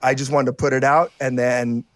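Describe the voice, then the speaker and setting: A man's voice: medium pitch, flat delivery, moderate pace, a bit bright, no room sound. Guy on a podcast rambling casually, lots of um and restarts, dry sound. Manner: rambling, hesitant, many restarts. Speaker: podcast co-host. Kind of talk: casual conversation.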